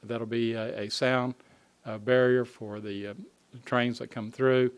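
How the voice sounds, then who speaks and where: A man giving an informal spoken report at a city council meeting, pausing often on fillers and restarting phrases. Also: medium pitch, level tone, clear, resonant tone. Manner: halting, frequent uh fillers and restarts. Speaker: city staff presenting a construction update to council.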